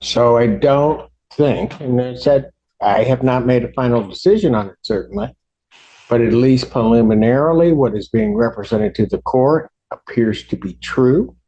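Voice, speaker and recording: A man speaking as a judge, giving rulings from the bench in a formal, deliberate way. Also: mid-range voice, animated, mellow, lo-fi sound.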